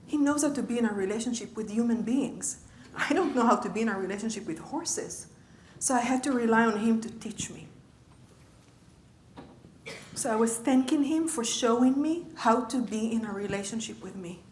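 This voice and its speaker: A woman's voice: fairly high pitch, animated, moderate pace, reverberant, a little hiss or hum. A woman giving a conversational lecture as a leadership coach, often checking in with her audience. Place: lecture room.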